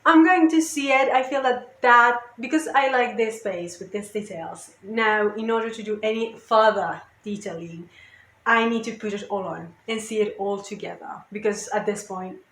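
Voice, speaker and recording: A woman's voice: mid-range voice, moderate pace, a bit bright. Chatty woman in an echoey room. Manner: rambling, chatty, with lots of "you know" and "basically". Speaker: craft vlogger. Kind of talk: casual chat.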